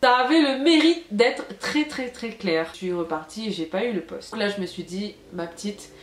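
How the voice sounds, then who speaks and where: A young woman from France chats straight to her viewers, frank and loose, with many filler sounds. Her voice sits at an ordinary middle pitch. The room around her rings with noticeable echo. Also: moderate pace, slight background noise. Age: young adult. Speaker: vlogger. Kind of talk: casual storytelling to camera. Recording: echoey room.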